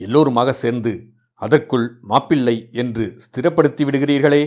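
A man voicing a sharp-tongued, indignant teenage schoolboy in a read-aloud novel, his complaints raised and teasing. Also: mid-range voice, moderate pace, close to an everyday voice.

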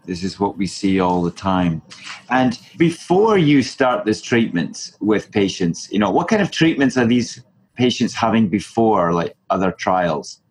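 A middle-aged man hosting a medical podcast, asking questions in a relaxed, friendly way with fillers. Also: lowish voice, measured pace, husky. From Canada. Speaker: podcast host, family physician. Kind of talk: casual interview.

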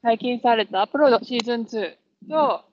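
High-voiced Kansai woman, podcast co-host. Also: fairly quick, a little hiss or hum. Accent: Kansai Japanese. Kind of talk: casual podcast chat. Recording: dull, lo-fi audio.

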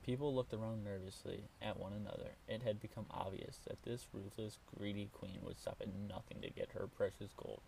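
A man narrating a fairy tale in a measured, scripted way with dry, wry asides. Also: fairly low pitch, steady tone, gravelly, mellow, a little hiss or hum, rough recording. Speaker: storyteller.

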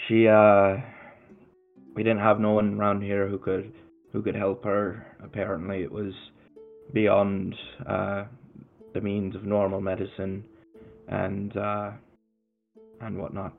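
A man's voice: lowish voice, creaky. A man doing a stammering, worried innkeeper. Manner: hesitant, stammering, rustic grammar. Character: worried, humble male innkeeper, a father. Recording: tinny phone-like line.

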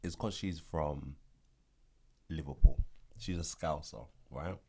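Deep-voiced male co-host, chatty and opinionated, casual podcast talk. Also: measured pace, darkish tone, breathy edge. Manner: opinionated, chatty, restarts and fillers. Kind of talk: casual chat.

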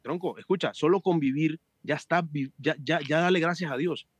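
Husky, lively man telling stories. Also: on the high side, normal speed, no room sound. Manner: animated storyteller, swears, jokes. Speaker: podcast guest, amateur cyclist. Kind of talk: casual chat.

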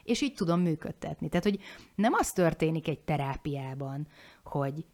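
A woman in her forties talking candidly on a podcast, frank and animated, swearing casually and restarting her sentences. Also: deep voice.

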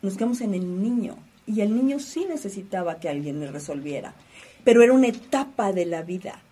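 A woman leads a reflective talk about emotions, setting out ideas as a teacher would and asking guiding questions. Her voice is mellow and dark and carries a husky edge. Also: mid-range voice, expressive, brisk.

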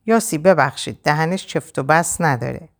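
A woman voicing a young husband who answers his joking brother with light amusement. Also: low voice. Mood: amused.

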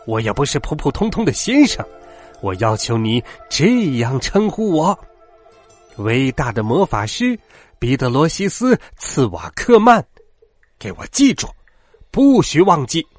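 A man voicing a pompous, quick-tempered old male magician in a children's storybook reading, bossy and easily offended. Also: mid-range voice, very animated, faint music behind. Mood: furious.

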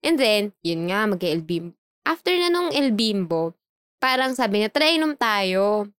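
A young woman telling a story in casual chat, animated, laughing often and acting out the dialogue she quotes. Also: medium pitch, moderate pace, clean tone, no echo, studio quality.

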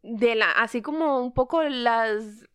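A woman's voice: a little high, takes it slowly, clean tone, no room sound, clean studio sound. A woman, chatting casually on a podcast and acting out the dialogue in her stories. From Spain. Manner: animated storyteller, acts out quoted dialogue. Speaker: podcast co-host. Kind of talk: casual chat among friends.

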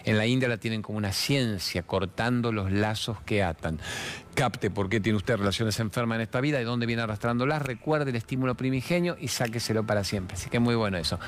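Playful fast-talking Argentine man in his sixties. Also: fairly low pitch, a little hiss or hum. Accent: Argentine Spanish. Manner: fast, playful, expressive, jumps between jokes and spiritual reflection. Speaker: TV talk show host. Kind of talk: chatty monologue with humorous anecdotes and sponsor mentions.

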